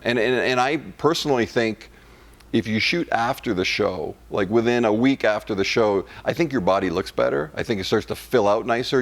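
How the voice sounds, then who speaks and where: Low-voiced man chatting candidly. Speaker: photographer of physique athletes. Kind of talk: casual interview talk.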